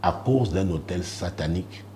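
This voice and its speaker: Low, mellow-voiced male preacher. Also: lively intonation, moderate pace, slight background noise. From Cameroon. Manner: storytelling with dramatic rises and hushed asides. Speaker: apostle and preacher. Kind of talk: sermon testimony on a broadcast show.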